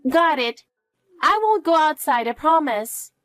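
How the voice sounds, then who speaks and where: Played by a woman, a nervous young schoolgirl clings to every word, her voice pitched high and bouncing with anxious questions. She is eager to please and quick to plead. The sound is close and dry. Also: animated, fairly bright tone, no room sound, faint music behind. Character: anxious clingy little schoolgirl, elementary age. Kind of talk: one-voice audio drama.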